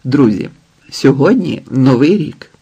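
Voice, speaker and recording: A man's voice: mid-range voice, lively intonation, unhurried, mellow, husky, muffled recording. A man reading the lines of a bubbly young blonde woman hosting a party, in a chirpy, upbeat way. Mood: cheerful.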